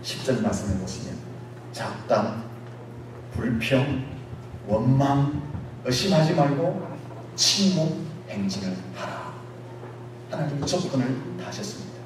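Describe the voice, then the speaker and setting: A man's voice: expressive, measured pace, pauses often. Preaching pastor, man, echoey church. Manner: swings from low quiet asides to loud exhorting peaks. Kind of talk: sermon. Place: church sanctuary. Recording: echoey church hall, distant mic, audible noise.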